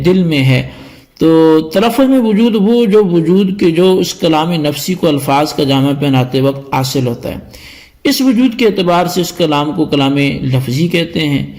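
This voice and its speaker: Male religious teacher, fairly high voice, patient step-by-step scholarly lecture. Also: a little mellow. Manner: explanatory, defines terms step by step. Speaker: teacher of Quranic exegesis.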